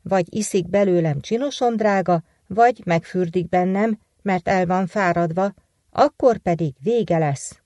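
A woman's voice: on the low side, mellow, dry recording, natural voice. A woman voicing the vengeful, scheming daughters-in-law of a witch in a folk tale, plotting a trap. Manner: plotting, boastful.

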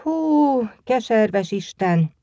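A woman reading aloud and voicing a small boy who plays a drunken, brutal husband, shouting and cursing in abusive outbursts. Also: medium pitch, lively intonation, no room sound, clean studio sound, lightly acted.

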